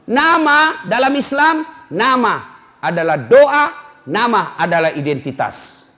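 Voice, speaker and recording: A man preaching a humorous sermon, animated and joking, acting out little dialogues. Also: high voice, takes it slowly. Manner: animated, jokes and acts out dialogue.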